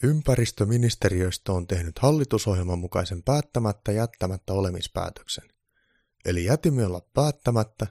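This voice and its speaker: A man voicing an old Santa Claus who booms cheerful calls and grumbles when puzzled. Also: gravelly, warm tone, no echo, studio quality. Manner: booming exclamations, grumbling mutters.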